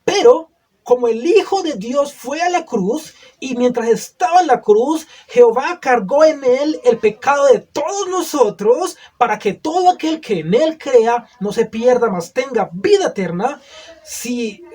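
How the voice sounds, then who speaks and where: Slow earnest preacher. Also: male voice, extremely high pitch, animated, darkish tone. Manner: earnest, rhetorical questions to listeners. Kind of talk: sermon.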